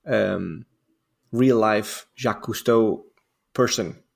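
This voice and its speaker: Speaking slowly in a lowish voice with vocal fry, this Dutch man in his forties, a native speaker from the Netherlands, is a guest diving instructor on a laid-back podcast. His storytelling wanders, is self-amused, and is thick with fillers.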